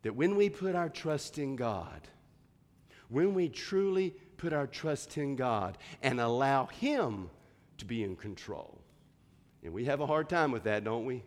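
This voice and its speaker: A man preaching a sermon, telling a story in an animated way and acting out voices along the way. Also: medium pitch, a little slow, long reverb tail. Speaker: pastor.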